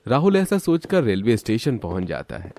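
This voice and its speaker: A man narrating a cartoon horror story in an expressive, scripted storytelling style. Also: lowish voice, moderate pace, faint music behind.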